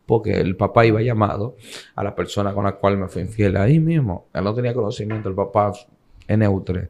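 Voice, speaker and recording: A man's voice: lowish voice, a little fast. A young man with a Dominican accent from the Cibao region, telling his story as an interview guest and acting out what others said. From Dominican Republic. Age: young adult. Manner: animated retelling, acting out the voices of others in quotes.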